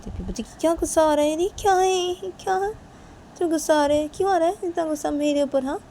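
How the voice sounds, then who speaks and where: A woman's voice: on the high side, moderate pace, warm tone, a little hiss or hum, natural voice. A woman voicing a smug married young woman who taunts the other and keeps asking "haan?". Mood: taunting. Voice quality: taunting, ends lines with "haan?".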